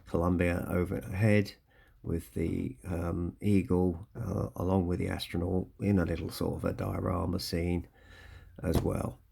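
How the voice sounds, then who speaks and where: Deep, croaky British man reviewing models. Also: noisy background. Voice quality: croaky, congested. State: ill with a cold or hay fever, coughing. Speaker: scale model kit reviewer. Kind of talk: casual unboxing review.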